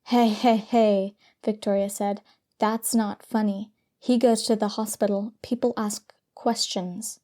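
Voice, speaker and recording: Woman reading as a brash defensive teen hero girl, flat and mellow. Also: mid-range voice, a little slow, lightly acted.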